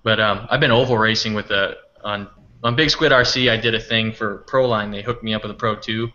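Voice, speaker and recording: A man's voice: lowish voice, fairly even intonation, fairly quick, bright, forceful tone, highs cut off. A man chatting as a podcast guest, hesitant and trailing off with "I don't know". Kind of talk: casual chat.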